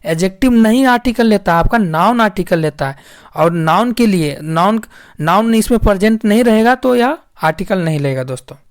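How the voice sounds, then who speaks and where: A woman's voice: mid-range voice, dry recording. Woman teaching grammar, dry close sound. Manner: repetitive, addresses viewers as friends. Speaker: English teacher. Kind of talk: explaining grammar lesson.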